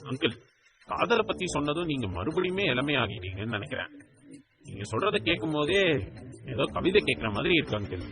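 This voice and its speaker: A doting young uncle talks in a gravelly, lively voice with a lot of swing in the pitch. He coaxes his little niece with playful baby talk, and a crowd murmurs clearly behind him. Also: a little fast. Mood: admiring. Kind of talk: audiobook drama acting.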